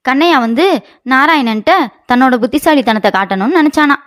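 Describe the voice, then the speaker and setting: A woman narrates a children's comedy tale in a folksy, storytelling way, her voice sitting high. A faint hiss runs underneath. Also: expressive, a little fast, fairly bright tone. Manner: folksy storytelling, lines ending in "they say".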